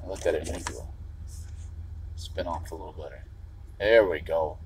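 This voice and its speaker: Driving while livestreaming, a Chicago-area man rambles on in a monologue, cursing often and starting his sentences over again and again. He has a bass voice at a moderate pace with a darkish tone, and the rough recording carries a slight hiss or hum.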